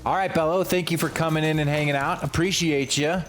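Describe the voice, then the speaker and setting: A man's voice: on the high side, steady tone, brisk. A man streaming a shooter game, talking through it in exasperated, grumbling asides. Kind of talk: gameplay commentary. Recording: loud game music and gunfire behind.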